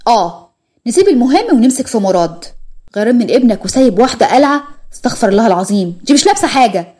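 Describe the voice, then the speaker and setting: A woman's voice: on the high side, big pitch swings, rapid-fire, a little mellow, husky. A woman voicing a jealous, scolding Egyptian wife. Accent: Egyptian Arabic. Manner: scolding, sarcastic. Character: jealous, sharp-tongued young wife.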